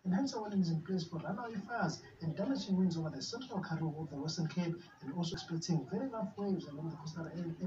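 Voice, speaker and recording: A South African man delivers a formal weather forecast at a brisk clip. His voice sounds distant and echoey, as if captured from a television across the room. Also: on the high side. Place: TV studio, re-recorded from a television set. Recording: roomy, dull, noisy off-screen TV capture.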